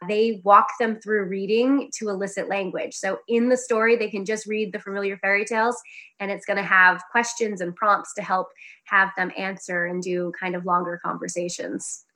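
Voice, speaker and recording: A woman's voice: mid-range voice, sharp tone. A woman with a Boston accent, a guest on a podcast, talking in a friendly, chatty and slightly scattered way. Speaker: guest speech therapist and author. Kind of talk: casual podcast interview. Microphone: video call.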